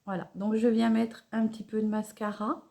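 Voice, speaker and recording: A fairly high, creaky yet mellow voice with little pitch movement carries this casual makeup tutorial at a moderate pace. The vlogger is natural and unpretentious, narrating each step haltingly, with stammers and self-corrections.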